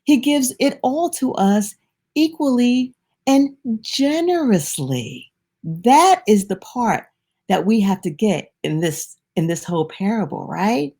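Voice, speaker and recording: A woman teaching a devotional lesson in a gravelly, warm-toned voice. She retells a parable in a lively way, stopping to restart phrases and add personal asides. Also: a little high, slow. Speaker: inspirational speaker.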